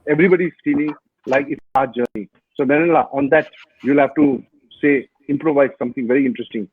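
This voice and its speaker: A man hosting a casual live interview, chatty and teasing, reading out viewer comments with many halting fillers. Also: medium pitch, breathy edge. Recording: thin phone-like video call line.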